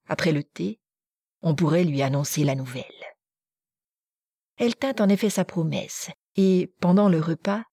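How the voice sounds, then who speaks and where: A woman narrating a classic novel in a measured, expressive audiobook reading. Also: lowish voice, creaky, slightly rough, no echo, studio quality. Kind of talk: literary narration.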